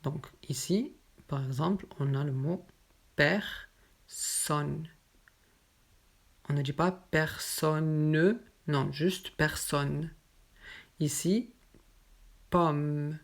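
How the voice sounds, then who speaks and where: A woman with a low voice teaches pronunciation at an unhurried pace. She explains each example patiently and says the words slowly and carefully. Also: darkish tone, slightly rough. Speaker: French teacher. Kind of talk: slow explanatory lesson.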